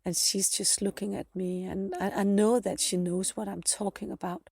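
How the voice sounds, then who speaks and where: A woman's voice: medium pitch, flat delivery, moderate pace, gravelly, darkish tone, breathy edge, dry recording, studio quality. A woman podcast host earnestly retelling a personal spiritual experience in the present tense, often repeating her phrases.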